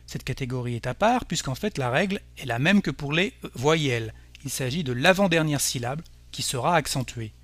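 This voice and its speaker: A man teaching a language lesson, explaining rules slowly and carefully with example words. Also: mid-range voice, animated, fairly bright tone, no echo. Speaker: Spanish teacher. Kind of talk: scripted language lesson narration.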